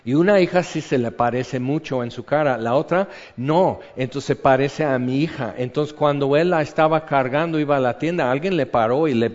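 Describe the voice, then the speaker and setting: A middle-aged man preaching a sermon, telling stories with lively acted-out voices. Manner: animated storytelling, acts out voices with big jumps in pitch and loudness. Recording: muffled sound in a long-echo hall.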